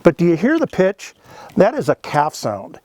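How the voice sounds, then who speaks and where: A man's voice: high-pitched, huge pitch swings, normal speed, heavy background noise. A middle-aged man giving a casual, folksy lesson, explaining things step by step with friendly asides. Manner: folksy, earnest, explains step by step with "you know" and "okay". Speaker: elk calling instructor. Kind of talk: casual instructional demonstration.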